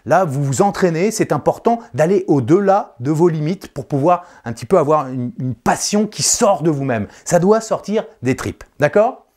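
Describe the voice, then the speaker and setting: Speaking coach, male, high and very animated voice, encouraging, varies volume freely. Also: normal speed, few pauses. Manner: animated, shifts between loud declarations and soft confidential tones; encouraging, addresses the viewer directly. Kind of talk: vocal coaching exercises.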